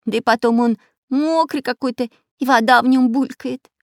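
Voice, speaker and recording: A grumbling, long-nosed spy from a storybook, as a narrator puts him on. He whines his complaints in a raised, nasal-sounding pitch and waves every idea away. The voice is recorded close and dry. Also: steady tone, moderate pace, no room sound.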